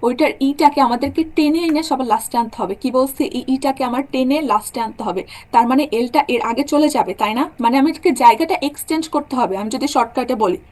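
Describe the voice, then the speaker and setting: A woman's voice: high-pitched, fast, darkish tone. A young woman teaching a German class, explaining rules step by step and often checking that her students follow. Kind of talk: online class lecture.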